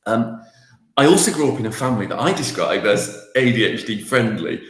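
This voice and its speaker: A man's voice: fairly low pitch, lively intonation, fairly quick, a bit bright, echoey room. A man co-hosting a podcast, talking casually in a rambling, self-deprecating way with lots of restarts. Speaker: podcast co-host. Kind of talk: casual banter.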